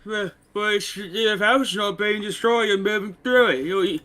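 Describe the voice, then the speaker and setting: A man's voice: high voice, moderate pace, pushed and bright. A man bantering casually in character as a player in a tabletop game.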